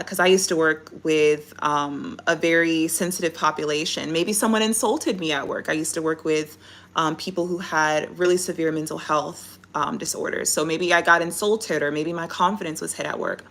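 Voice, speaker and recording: Lower-pitched woman, encouraging life coach. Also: fairly bright tone. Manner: encouraging, instructive life-coach delivery with check-in tags. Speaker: life coach hosting a live stream. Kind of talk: live coaching talk to an online audience.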